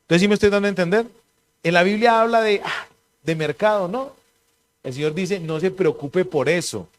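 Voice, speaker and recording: A middle-aged man preaching a sermon, talking conversationally and asking his listeners questions. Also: high voice. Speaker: pastor.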